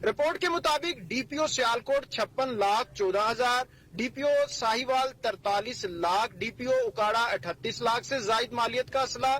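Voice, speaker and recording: High-voiced man reporting news by phone. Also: normal speed, hardly any pauses, low-quality recording. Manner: steady reading of figures and official details. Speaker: bureau chief reporting by phone. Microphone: telephone line.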